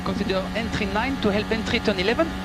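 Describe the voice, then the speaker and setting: Over noisy team radio full of loud engine and car sounds, a fast, high-voiced man acts as a race engineer. He gives polite, clipped technical instructions and reports numbers and gaps.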